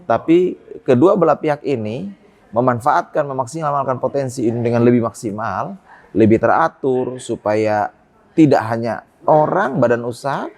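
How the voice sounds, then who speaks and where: A man's voice: expressive, normal speed, darkish tone. Hesitant man rising to emphatic points. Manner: many hesitations, rises in pitch when making a point. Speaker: port business guest. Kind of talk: interview answers.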